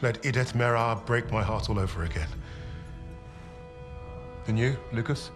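An actor playing a composed, wistful Allied soldier held prisoner in a war video game. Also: male voice, mid-range voice, moderate pace, natural voice. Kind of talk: dramatic video game acting. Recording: loud music behind the voice.

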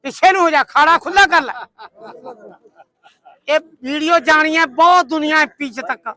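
A man's voice: very high voice, normal speed, pushed and bright, poor audio. A Punjabi man hosting livestock market videos, bargaining in a hearty, outspoken, bantering way.

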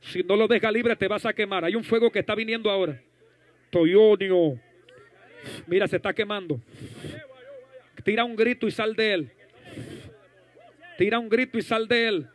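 A male pastor leading a fervent deliverance prayer, commanding and hushing the crowd by turns. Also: sits high, a little fast, long pauses. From Dominican Republic. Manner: fervent, commanding, shouting and hushing, speaks in tongues. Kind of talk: deliverance prayer and prophecy at a service.

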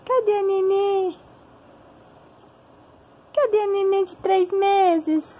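Mom doing super high sing-songy baby talk, slow and cooing. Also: female voice, steady tone, mellow, slight background noise. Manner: sing-song, cooing, repetitive. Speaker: mother.

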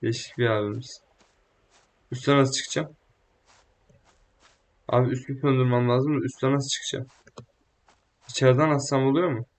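A young man giving casual, joking let's-play commentary, excitable and slangy, often talking back to the game. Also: medium pitch, normal speed, pauses often. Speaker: gaming YouTuber.

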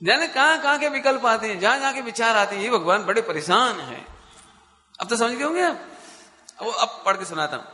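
Man, Jain teacher, spiritual discourse, high bright voice, question and answer with the listeners. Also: long reverb tail. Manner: animated, asks the audience questions and answers them; chants scripture lines slowly. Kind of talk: spiritual discourse to a live audience.

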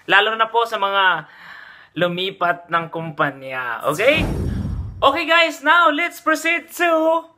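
Chatty man, bright high voice. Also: very animated, slow pace, soft background music. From Philippines. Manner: chatty, addresses viewers as guys, frequent okay checks. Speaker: vlogger giving job tips. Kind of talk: casual chatty vlog. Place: Dubai.

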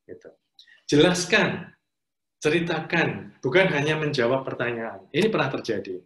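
A man's voice: on the high side, animated, normal speed, a bit bright. A man giving a conversational career-skills lecture over a video call, acting out interview exchanges as he teaches. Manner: conversational, acts out interview dialogues. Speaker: career trainer. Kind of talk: online training lecture. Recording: roomy, dull lo-fi audio.

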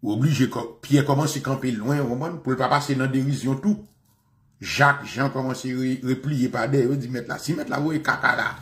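A man with a Haitian accent preaching an animated sermon, repeating phrases and slipping into mock voices. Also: mid-range voice, moderate pace. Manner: animated, repetitive, often slips into mock voices.

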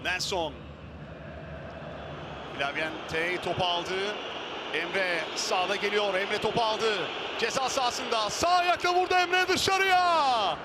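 Screaming high-pitched male football commentator. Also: slow pace. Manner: excitable, screaming out goals and names. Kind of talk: live football play-by-play commentary. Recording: loud stadium crowd noise behind voice. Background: roaring football crowd.

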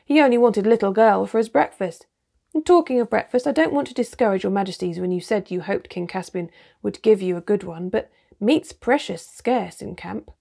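A gruff male dwarf, voiced by a woman reading a storybook aloud, speaks in a practical, grumbling way. The voice is warm and dark with a gravelly rasp. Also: mid-range voice, brisk. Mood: blunt. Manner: blunt, practical, a touch grumbling.

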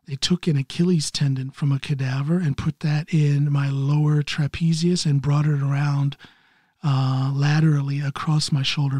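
A man in his early fifties from Ohio, hosting a solo podcast while recovering from neck surgery, talking haltingly and clearing his throat often. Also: medium pitch, a little mellow, no room sound, studio quality. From Ohio, USA. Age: 50s. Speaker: podcast host. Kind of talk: casual solo podcast monologue.

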